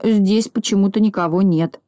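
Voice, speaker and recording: A woman voicing a boastful, quick-tempered little boy in a children's storybook, bossy and scolding. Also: medium pitch, no echo, natural voice. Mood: puzzled. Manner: bossy, scolding, easily excited.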